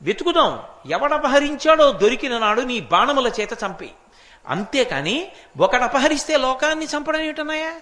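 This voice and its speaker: Brief: earnest pleading younger brother, put on by a male preacher, bright and high. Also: expressive, a little slow, pauses often.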